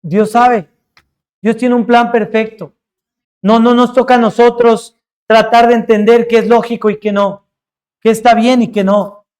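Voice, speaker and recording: A male pastor preaching a sermon with earnest emphasis, slowing down to stress key words as he retells a scripture story. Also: very high voice, flat delivery, darkish tone, clean tone.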